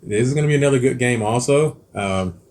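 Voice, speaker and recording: This cooking-channel host has a mid-range, slightly mellow voice and talks a little fast while eating and chatting about football picks. His casual delivery is rambling and hesitant, packed with ums, restarts and corrections of himself.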